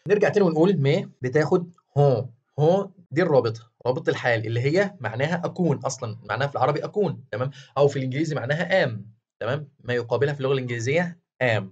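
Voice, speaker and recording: Fast-talking Egyptian man teaching grammar. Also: mid-range voice, lively intonation, darkish tone, slightly rough, muffled recording. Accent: Egyptian Arabic. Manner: patient and repetitive, checks in with "okay?". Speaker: language teacher. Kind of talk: online grammar lesson.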